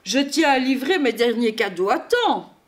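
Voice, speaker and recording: Père Noël as a woman reads him, hurried and exclaiming. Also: a little high, very animated. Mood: urgent. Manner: urgent, exclaiming. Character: hurried kindly old Santa Claus. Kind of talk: storybook read-aloud.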